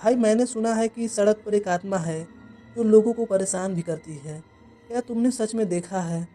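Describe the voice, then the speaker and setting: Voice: medium pitch, moderate pace, mellow, soft background music, close to an everyday voice. A narrator voicing an anxious fellow truck driver. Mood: earnest. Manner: questioning, earnest.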